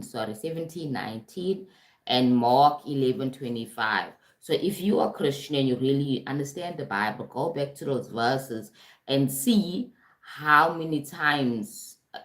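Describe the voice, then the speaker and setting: Streaming live from her home in Durban, a South African life coach and motivational speaker gives a casual talk in a rumbling, low voice with lots of reverb. She keeps checking in with her audience by asking "right?" and "you understand?"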